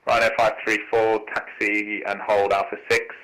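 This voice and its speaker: A man's voice: on the low side, little pitch movement, normal speed, pushed and bright, rough recording. A man working as an air traffic controller, giving courteous standard instructions over aviation radio.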